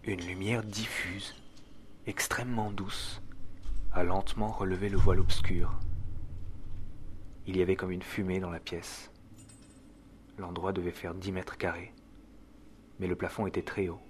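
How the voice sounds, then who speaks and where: A man playing the measured first-person narrator of an audio drama, reading scripted narration. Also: deep voice, level tone, a little hiss or hum. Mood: measured, hushed. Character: grave, measured male first-person storyteller.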